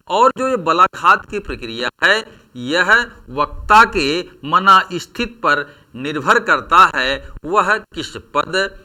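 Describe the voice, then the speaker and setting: Man, Hindi teacher, slow lecture, bright voice, lively pitch. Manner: slow, deliberate explanation with spoken examples. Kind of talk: classroom lecture on grammar.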